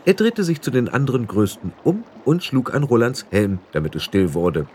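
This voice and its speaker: A man narrating an audiobook in an expressive storytelling manner. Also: mid-range voice, moderate pace, a little hiss or hum.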